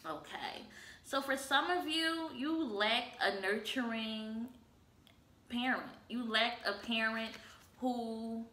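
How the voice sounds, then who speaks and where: A woman's voice: a little high, pushed and bright, a little hiss or hum. A woman giving a casual, chatty tarot reading to viewers, tired from being up late. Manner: chatty, slangy, addresses viewers as y'all. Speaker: tarot reader. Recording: echoey room, faint ambience.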